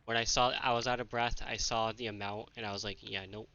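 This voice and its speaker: A man's voice: medium pitch, little pitch movement, fast talker, pushed and bright, smooth, lo-fi sound. A man streaming a co-op game, chatting casually and urgently directing a teammate. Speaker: streamer playing a co-op zombie game. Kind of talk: casual gameplay chat.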